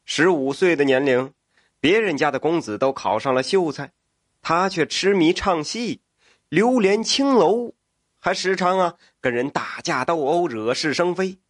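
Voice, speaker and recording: A man narrating a folk tale as host, with lively, chatty asides to the listener. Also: on the high side, measured pace, no echo, clean studio sound. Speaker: storyteller.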